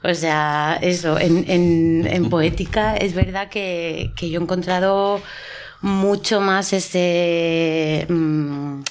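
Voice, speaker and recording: Woman, slightly low voice, thoughtful, hesitant, panel guest. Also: steady tone, slow. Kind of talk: casual interview talk.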